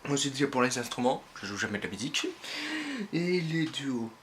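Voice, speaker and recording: A man's voice: medium pitch, lively intonation, normal speed, a bit bright, a little hiss or hum. A young man casually reviewing a microphone, joking and rambling in a chatty way. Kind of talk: casual product review vlog.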